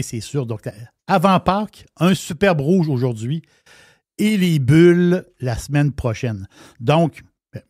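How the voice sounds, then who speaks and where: A man's voice: a little high, dark tone, no echo, clean studio sound. A man with a Québécois French accent giving a wine segment on a radio show, in enthusiastic, rambling casual chat with many restarts. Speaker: wine columnist.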